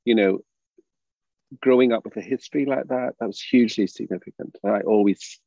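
Older Northern Irish man, gravelly voice. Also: fairly low pitch, dark tone, no room sound, highs cut off. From Northern Ireland. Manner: thoughtful, halting, many restarts and fillers. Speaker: drama educator guest. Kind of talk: reflective interview talk.

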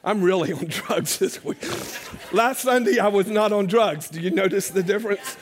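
A man's voice: high-pitched, moderate pace, slight background noise. An older man preaching a sermon as pastor to his church, conversational and joking with the congregation. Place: church sanctuary.

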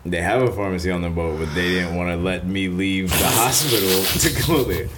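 A man in casual podcast chat as a co-host, talking in a laid-back, low-key way. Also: a little fast, very noisy. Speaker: podcast co-host, former Navy pharmacy technician.

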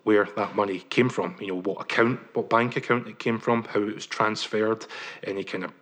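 A man, a journalist answering interview questions in a measured way, with many pauses and ums. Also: fairly low pitch, steady tone, fairly bright tone. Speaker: journalist guest.

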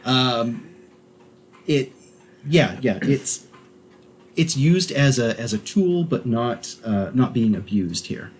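Rambling, animated man, casual podcast chat. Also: mid-range voice, takes it slowly, long pauses, a little hiss or hum. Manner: rambling, animated, many restarts and fillers. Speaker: podcast co-host.

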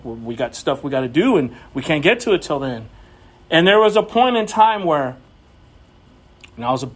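A man with a high voice preaches to his congregation, talking earnestly and personally. He often stumbles and restarts as he tells his story. The sermon sounds like it was recorded in a church. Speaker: pastor.

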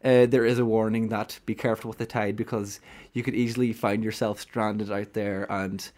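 A man's voice: fairly low pitch, flat delivery, moderate pace, darkish tone. A young Irish man with a Donegal accent, chatting casually and a bit hesitantly as a host. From County Donegal, Ireland. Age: young adult. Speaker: podcast host. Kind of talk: casual chat.

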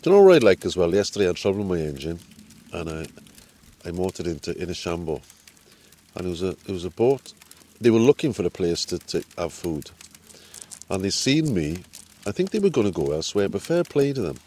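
A man's voice: low voice, lively intonation, a little fast, dark tone. A man from Wales with a Welsh accent, casually telling anecdotes outdoors. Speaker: visiting angler.

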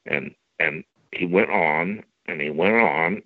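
A man telling a crude, rambling anecdote in casual chat, with halting restarts. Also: deep voice, no room sound. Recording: thin phone-line audio.

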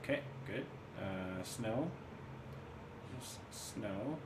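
A man's voice: lowish voice, expressive, extremely slow. A man playing a horror game on a podcast, talking casually and wryly, jumpy and self-mocking. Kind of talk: casual let's-play commentary. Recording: echoey room with background noise.

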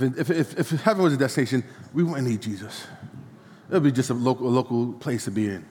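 A man's voice: medium pitch, darkish tone. A man preaching a sermon in a church, repeating phrases and leading call-and-response. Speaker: pastor. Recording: long hall reverb.

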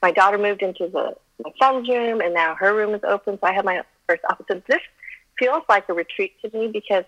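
Over a phone line, a middle-aged woman from Colorado, USA, whose first language was Chinese, chats as a podcast guest in a giggly, self-deprecating way. Her voice is medium-pitched and fairly bright, and she talks fairly quickly in this casual interview.

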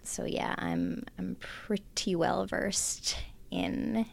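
A woman's voice: fairly low pitch, wildly swooping pitch, extremely slow, vocal fry. A woman co-hosting a podcast, talking thoughtfully and explaining her ideas in detail. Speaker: podcast co-host. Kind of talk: casual academic podcast chat.

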